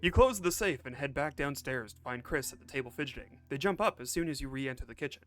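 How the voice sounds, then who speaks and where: A man's voice: medium pitch, lively intonation, fast talker, fairly bright tone. A man streaming a game, joking around casually and reading its narration aloud. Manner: joking, laid-back, reads narration aloud.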